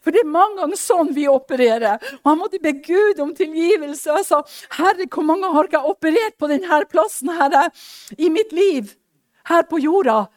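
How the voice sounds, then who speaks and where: A middle-aged woman preaching a sermon, fervent and swinging between hushed speech and loud exclamations, acting out the prayers and dialogue she retells. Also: very high-pitched, animated. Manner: acts out quoted prayers and dialogue.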